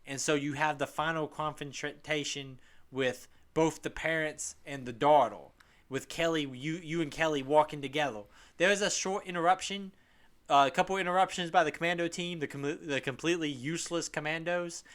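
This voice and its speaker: Bright-voiced man on a casual podcast. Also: fairly high pitch, moderate pace. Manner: animated, laughing retelling of scenes. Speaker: podcast co-host. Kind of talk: casual podcast chat about a game.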